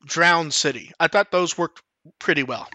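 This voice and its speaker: A man co-hosts a podcast and walks through an episode's plot in a high, bright voice. He quotes the characters in a mocking tone. The sound is dry and close. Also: dry recording. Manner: recaps plot quickly, acting out characters' lines sarcastically. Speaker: podcast co-host. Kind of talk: casual episode recap discussion.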